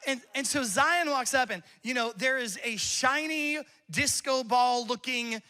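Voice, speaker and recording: A pastor in his thirties preaches a sermon on a church campus in a strikingly high, bright voice with a sharp, forward edge. Unhurried, he tells stories in a loose, conversational way and often breaks into laughter.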